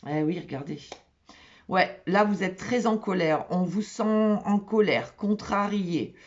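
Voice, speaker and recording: A woman's voice: medium pitch, slow, highs cut off. A woman giving a casual tarot reading for zodiac signs, chatty and repetitive, often checking in with her listeners. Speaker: tarot card reader.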